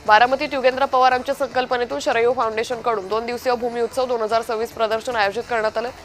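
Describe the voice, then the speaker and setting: Brief: woman news anchor, rapid headline bulletin, raised pitch, faint music bed. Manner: brisk, even headline delivery. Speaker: news reader. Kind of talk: fast news bulletin reading.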